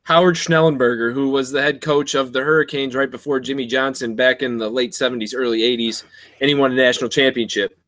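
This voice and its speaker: A young man co-hosting a casual football chat, giving firm opinions and dropping dry jokes. His voice sits at an ordinary middle pitch. The recording is close and dry. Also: fairly even intonation, fast talker, fairly bright tone, no room sound. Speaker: co-host.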